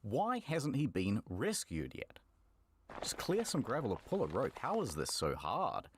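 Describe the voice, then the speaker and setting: A man's voice: mid-range voice, wildly swooping pitch, measured pace, breathy edge. A man narrating a scripted documentary story in a wry storytelling manner.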